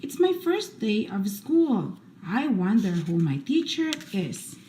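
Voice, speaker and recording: Reading picture books aloud for children, a woman uses a deliberate, expressive bedtime delivery at medium pitch. Faint noise sits behind her, and the space sounds echoey.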